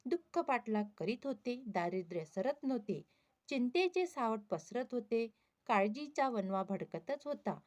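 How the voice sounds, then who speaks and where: A woman's voice: fairly high pitch, animated, a little mellow. Woman narrating a devotional tale. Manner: measured, storytelling. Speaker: storyteller.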